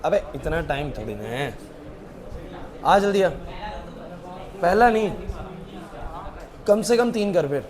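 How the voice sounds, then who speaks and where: Male teacher, high voice, scolds and prods a classroom of students. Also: sing-song, slow, long pauses, darkish tone. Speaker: chemistry teacher.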